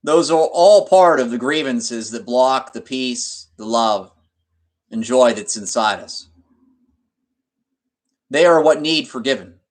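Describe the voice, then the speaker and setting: In an expressive, medium-pitched voice, a man leads listeners through a guided meditation, speaking deliberately in brief phrases that pause partway through.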